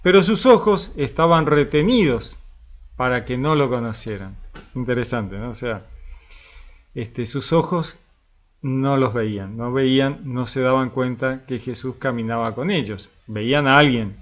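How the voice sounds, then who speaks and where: A man with an Argentine Spanish accent teaching a Bible study in a relaxed, conversational way, reading passages aloud and commenting on them. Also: mid-range voice, unhurried. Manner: conversational, often ends with a questioning tag and fills with a drawn filler; lively, reads scripture passages aloud between remarks.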